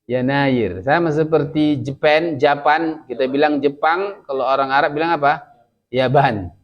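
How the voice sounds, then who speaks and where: A man with an Indonesian accent teaches Arabic in a classroom style, drawing out words slowly for repetition before explaining in a relaxed, chatty way. His voice sits a little high. The recording is dull and lo-fi. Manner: drills words slowly for repetition, then explains casually with light laughs. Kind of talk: classroom language lesson.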